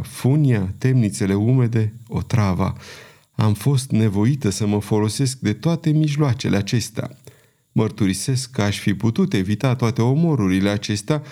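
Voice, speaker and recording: A man voicing a feeble, dying old queen in an audiobook, speaking slowly in a wheezing, barely audible rasp. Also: on the low side, warm tone, lightly acted. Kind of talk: audiobook character reading.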